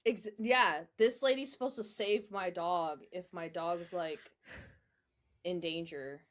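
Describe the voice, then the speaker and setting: A woman's voice: fairly low pitch, takes it slowly. A young woman co-hosting a podcast, telling stories in casual chat with many fillers. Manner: chatty storyteller, filler-heavy. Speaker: podcast co-host.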